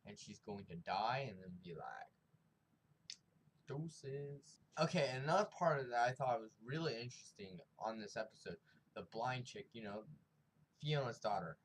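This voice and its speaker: A man's voice: fairly low pitch, animated, moderate pace, rough recording. A young man casually recapping and reviewing a TV episode, rambling in slang and acting out the characters' lines, with faint noise behind him.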